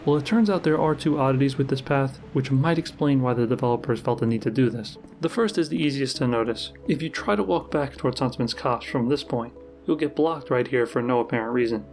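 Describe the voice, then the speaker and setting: A man's mid-pitched voice delivers scripted narration in the manner of a top-list countdown about video games. He explains each point in a measured way, with music playing behind him. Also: a little mellow. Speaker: video game YouTuber, narrator. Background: background music.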